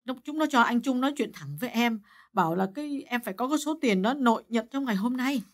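A man voicing a distressed middle-aged wife who sobs and snaps in shrill, anxious bursts. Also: animated, quick pace. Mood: snappish. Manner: shrill, tearful and snappish.

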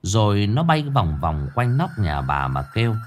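Lively man telling a horror story. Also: on the low side, moderate pace. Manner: vivid, dramatic.

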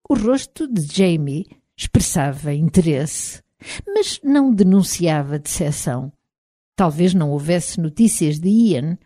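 A woman with a European Portuguese accent narrating an audiobook in the first person, in a measured, expressive reading. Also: low-pitched, dry recording, clean studio sound.

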